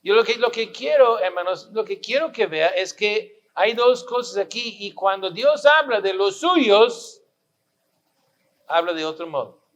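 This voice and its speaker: A man's voice: sits high, expressive, a little slow, fairly bright tone, lo-fi sound. A pastor preaching a sermon, pressing his listeners with rhetorical questions and repeating his points for emphasis.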